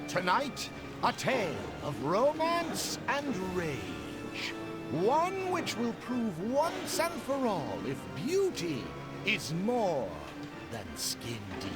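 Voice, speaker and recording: Grandiose, high-pitched theatrical opera announcer. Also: male voice, full character voice. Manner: pompous, slow, declamatory. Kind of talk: stage melodrama in a video game. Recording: loud orchestral music behind.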